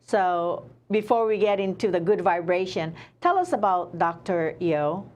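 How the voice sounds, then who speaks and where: Lowish-voiced woman talk show host. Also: animated, a little slow. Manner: hesitant, many uh fillers, warm praise. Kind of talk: casual interview.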